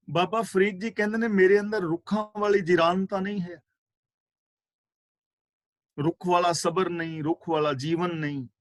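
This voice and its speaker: A man giving a scripture class, reciting verses slowly and explaining their pronunciation and meaning, with fervent rhetorical questions. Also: high-pitched, no echo. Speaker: katha preacher. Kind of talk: scripture exposition.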